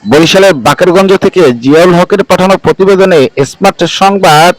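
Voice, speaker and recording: A man's voice: high-pitched, steady tone, brisk, low-quality recording. A man reading scripted news narration in a formal manner, as a report voice-over.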